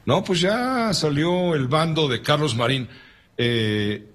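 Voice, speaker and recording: Husky Mexican radio anchor, chatty. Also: male voice, fairly high pitch, expressive, takes it slowly, fairly bright tone. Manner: chatty, joking, digressive. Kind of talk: casual on-air chat, reading listener messages.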